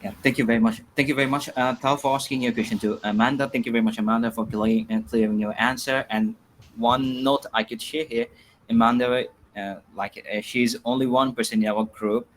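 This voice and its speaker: A man's voice: medium pitch, fairly even intonation, brisk, a little hiss or hum. A man moderating an online English study group, polite and thanking people often, with many fillers. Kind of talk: online group session hosting.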